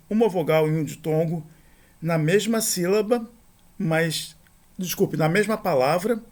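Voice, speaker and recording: A middle-aged man teaching a recorded grammar lesson, patient and repetitive, often checking with a quick tag question. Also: high-pitched, darkish tone. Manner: patient, repeats points, frequent "né?" tag questions.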